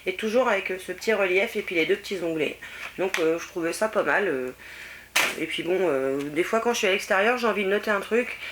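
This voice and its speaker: A woman's voice: mid-range voice, brisk, noisy background. A middle-aged French woman chatting casually through a shopping haul, with many hesitations and fillers. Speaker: vlogger. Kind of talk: casual haul video chat.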